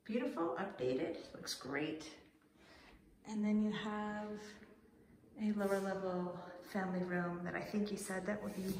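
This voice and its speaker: A woman's voice: mid-range voice, unhurried, a little mellow, slight background noise. A middle-aged woman real estate agent walks through an empty house with a phone camera, chatting enthusiastically to her clients. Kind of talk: casual home walkthrough tour. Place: empty house, then outdoors in a yard and driveway. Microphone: phone camera held while walking.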